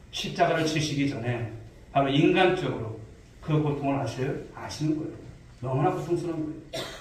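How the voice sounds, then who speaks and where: A man's voice: mid-range voice, darkish tone. A man preaching a Sunday sermon as pastor, putting rhetorical questions to the congregation. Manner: asks the congregation rhetorical questions, addressing them directly. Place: church sanctuary. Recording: echoey hall, distant mic, faint noise.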